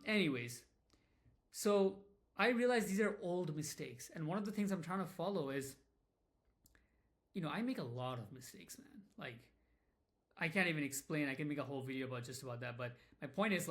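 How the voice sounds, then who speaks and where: Man, casual vlog monologue, rambling and profane, fairly high voice, small business owner talk. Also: fairly bright tone. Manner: rambling, candid, profane, self-deprecating.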